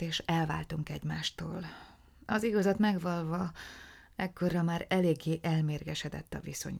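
Egy nő, aki egy bajba került, halkan, suttogva gyónó feleséget szólaltat meg egy hangoskönyvben. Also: female voice, low-pitched, creaky, darkish tone, slightly rough, exaggerated voice. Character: worried married woman confessing, hushed.

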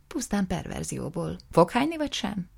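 Woman doing deadpan assistant lady, dry, low creaky voice. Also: heavily acted. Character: dry, unbothered female office assistant.

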